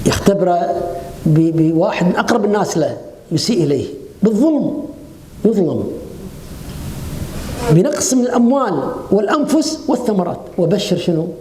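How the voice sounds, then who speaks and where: A man preaching, giving an animated religious lecture to women and asking them rhetorical questions. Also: high voice, brisk, pauses often, a little hiss or hum. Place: hotel lecture hall. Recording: echoey lecture hall.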